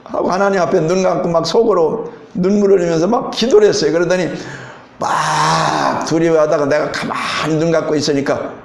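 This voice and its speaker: A man's voice: a little high, steady tone, normal speed, vocal fry, reverberant, slight background noise. A middle-aged man preaching a sermon as pastor, telling a story with rising emphasis and frequent rhetorical questions.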